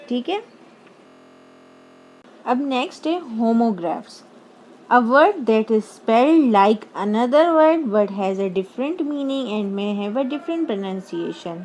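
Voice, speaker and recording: Woman teacher, fairly high voice, patient step-by-step explaining, faint background hiss. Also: a little mellow, low-quality recording. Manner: explains slowly, repeating terms with Hindi glosses. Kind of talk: explaining English grammar lesson.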